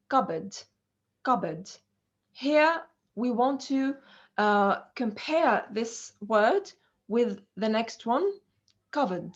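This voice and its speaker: Woman teaching english sounds, slow and careful, lots of uhs, higher voice, kinda muffled lo-fi audio. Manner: slow and deliberate, many fillers. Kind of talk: pronunciation lesson. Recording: dull lo-fi recording.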